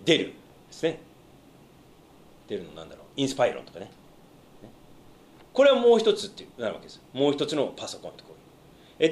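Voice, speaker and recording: A pastor teaching a Bible study, explaining step by step with hesitant fillers and questions put to his listeners. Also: mid-range voice.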